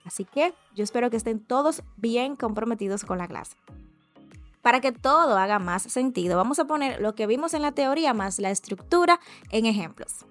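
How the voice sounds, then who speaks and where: A woman from the Dominican Republic with a Dominican Spanish accent, teaching an online English lesson and modeling slow, deliberate pronunciation for learners. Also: fairly high pitch, expressive, faint music behind.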